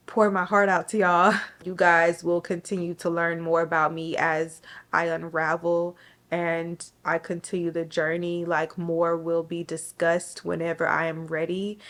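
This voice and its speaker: A young woman giving an emotional faith testimony to camera, tearful and halting, often restarting her sentences. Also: fairly low pitch. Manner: halting, with restarts and soft pauses.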